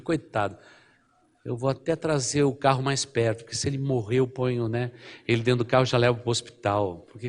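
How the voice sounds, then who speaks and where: A middle-aged man with a Brazilian Portuguese accent, a pastor preaching a sermon in a lively storytelling way and often checking in with the congregation. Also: medium pitch.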